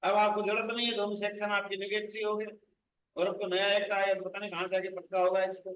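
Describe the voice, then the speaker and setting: A man teaching a law coaching class, mixing Hindi with slow, deliberate English legal phrases. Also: high-pitched, monotone, a bit bright, a little hiss or hum. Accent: Rajasthani Hindi. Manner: addresses students directly, explaining step by step. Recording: echoey, distant, muffled room recording.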